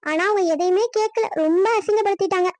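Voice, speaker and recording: Woman doing cartoon village sisters and wives, pleading and emotional, very high thin voice, dry sound. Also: fast, a little mellow, no echo. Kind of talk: cartoon dubbing.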